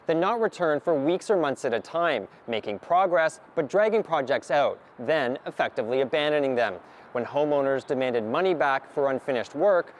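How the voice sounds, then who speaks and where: A man narrating a scripted TV news report as a reporter. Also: on the high side.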